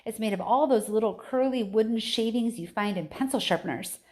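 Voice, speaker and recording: Female reader as eccentric male factory owner, excitable, fretful, exclamatory, storybook character. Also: on the high side, brisk, natural voice. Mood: flustered. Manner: exclamatory, fretting.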